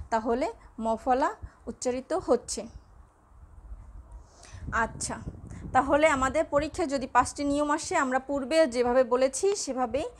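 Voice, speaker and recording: A woman teaches a pronunciation lesson with a high-pitched voice. She goes slowly and patiently and names each letter one at a time, the way a lecturer explains to her class. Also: a little hiss or hum. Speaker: Bengali lecturer.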